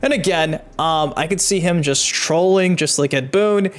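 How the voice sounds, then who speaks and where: At normal speed and with a fairly high pitch, a man runs a YouTube gaming news show. He reads articles aloud in energetic, chatty commentary, emphatic and addressed right to viewers.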